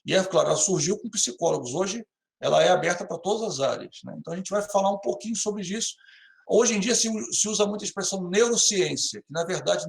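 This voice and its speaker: Casual Brazilian lecturer man, gravelly voice. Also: a little high, reverberant. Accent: Brazilian Portuguese. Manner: casual, acts out dialogues, asks students questions. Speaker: university lecturer. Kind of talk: online class lecture.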